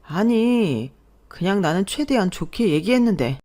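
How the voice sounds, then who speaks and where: An angry young wife, voiced by a woman confronts her husband in a radio drama. She speaks sharply with a raised voice, and her pitch swings widely. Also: lively intonation, a little slow, dark tone. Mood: fed up. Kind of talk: Korean radio drama acting.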